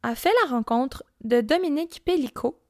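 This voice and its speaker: A woman's voice: high voice, brisk, a little mellow, dry recording, clean studio sound. A woman with a Québécois accent, hosting a true-crime podcast and telling the story in a casual, chatty way, with many fillers. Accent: Québécois French.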